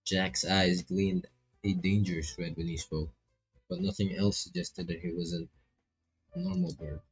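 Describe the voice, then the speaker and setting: This low, gravelly, husky voice belongs to a streamer from the Philippines who takes his time, leaving long pauses as he expressively reads a game out loud and cracks slangy jokes. Faint game music sits under a slightly dull, lo-fi recording.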